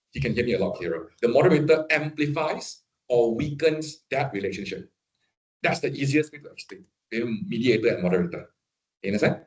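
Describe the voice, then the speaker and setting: A middle-aged man gives a conversational university statistics lecture, often checking in with his students. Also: medium pitch. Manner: conversational, keeps asking "right?" to check understanding.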